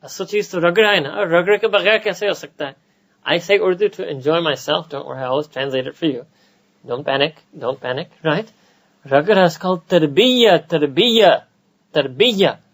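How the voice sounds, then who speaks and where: Man, American accent, religious lecture, chatty with joking asides, fairly high voice. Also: fairly bright tone, poor audio. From United States. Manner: conversational, with quick joking asides. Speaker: Islamic scholar giving a lecture.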